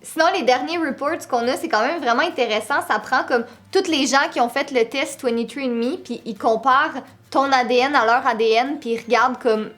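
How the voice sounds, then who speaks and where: High-voiced young Québécoise woman chatting. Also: brisk, hardly any pauses, a bit bright, faint music behind. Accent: Québécois French. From Quebec. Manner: chatty, mixes in English words. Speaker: vlogger co-host. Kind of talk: casual chat.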